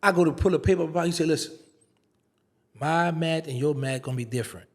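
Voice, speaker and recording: A man's voice: a little high, fairly quick. A man, an interview guest telling a casual story and acting out the dialogue. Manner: animated storyteller, acts out quoted dialogue.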